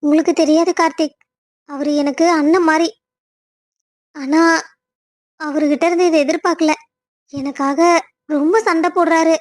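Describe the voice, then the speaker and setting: A woman's voice: high-pitched, steady tone, moderate pace, long pauses, no echo, natural voice. A woman voicing a despairing young woman in a cartoon love story who talks through tears and turns defensive. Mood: tearful. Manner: tearful, defensive.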